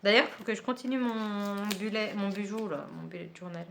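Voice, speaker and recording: A chatty woman unboxes books at home and talks casually to her viewers. Her voice sits at an ordinary middle pitch and is full of fillers and small laughs. A faint hiss runs under the recording. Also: moderate pace, creaky, a bit bright. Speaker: book vlogger.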